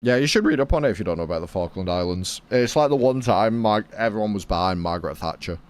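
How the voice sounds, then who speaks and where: Streaming a game, a British man talks casually with his viewers, rambling on and swearing freely. He has an expressive, fast delivery in a voice on the low side.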